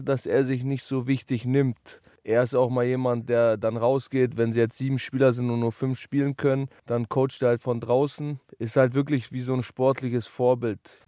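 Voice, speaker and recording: A man's voice: mid-range voice, warm tone, no echo, studio quality. A man who organizes a football league, chatting casually about a young player. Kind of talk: casual interview.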